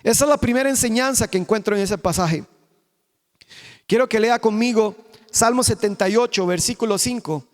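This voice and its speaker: Male pastor, high voice, emphatic sermon with rhetorical questions, long reverb of a church hall. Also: fairly quick. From Costa Rica. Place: church sanctuary.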